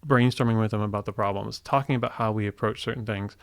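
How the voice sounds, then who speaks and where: A fortyish tech co-founder from Indiana speaks as an interview guest in a fairly low voice, fast and with vocal fry. Relaxed and reflective, he often restarts sentences, and the dry recording has studio quality.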